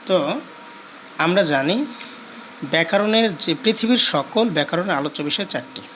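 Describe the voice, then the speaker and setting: A male teacher giving a grammar lesson, repeating key terms slowly and asking questions he answers himself. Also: sits high, animated, a bit bright, a little hiss or hum, poor audio.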